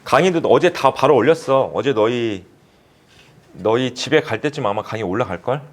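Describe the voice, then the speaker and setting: Male cram-school math tutor, casual and teasing, animated delivery. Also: mid-range voice, normal speed. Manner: chatty, teasing students, casual speech. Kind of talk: classroom lecture with banter.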